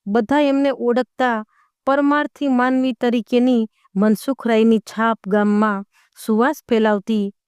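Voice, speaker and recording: Smooth-voiced woman narrating a story. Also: a little high, steady tone, measured pace, darkish tone, no room sound.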